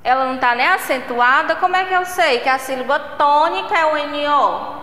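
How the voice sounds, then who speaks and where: A woman's voice: high-pitched, pushed and bright. A Brazilian woman teaching a recorded primary school lesson, speaking patiently, drawing out syllables and checking in with the children. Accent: Brazilian Portuguese. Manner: slow, patient, drawing out syllables and asking "né?" and "certo?". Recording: echoey room with long reverb.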